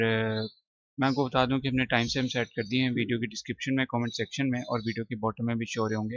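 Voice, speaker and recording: A man's voice: mid-range voice, no echo, highs cut off. A man teaching an English textbook lesson, patiently explaining word meanings and translating line by line. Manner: patient, explains slowly with many "theek hai" checks.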